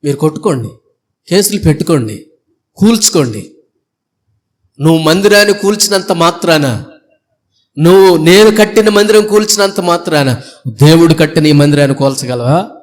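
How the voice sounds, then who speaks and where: A man's voice: fairly high pitch, animated, moderate pace, long pauses. A male pastor preaching an Easter sermon to a congregation, emphatic, firing rhetorical questions and repeated lists. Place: church before a congregation.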